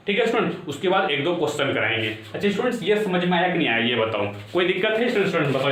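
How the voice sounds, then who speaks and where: A man's voice: a little high, fairly bright tone. Man teaching maths in an echoey room. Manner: repeatedly addresses students and checks understanding. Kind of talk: classroom-style video lesson. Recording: echoey room, distant mic, faint noise.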